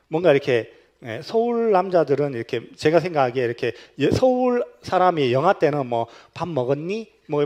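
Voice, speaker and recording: A male pastor with a Gyeongsang accent giving a humorous, animated lecture at a church retreat. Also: fairly high pitch. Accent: Gyeongsang Korean. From Gyeongsang region, South Korea. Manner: animated and humorous, acting out quoted lines.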